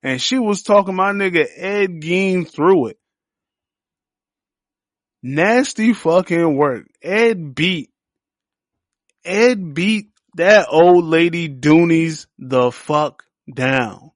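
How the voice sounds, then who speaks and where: A young podcast host reviews a series in a crude, joking, slangy riff loaded with profanity. His voice is a little high and very slow, captured in a dry, clean studio recording.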